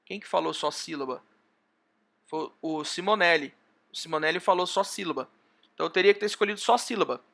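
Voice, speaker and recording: Bright, high-voiced Brazilian lecturer. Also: male voice, fairly quick, creaky. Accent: Brazilian Portuguese. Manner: explains step by step, often pointing with "ó". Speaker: university lecturer. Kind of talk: online class lecture.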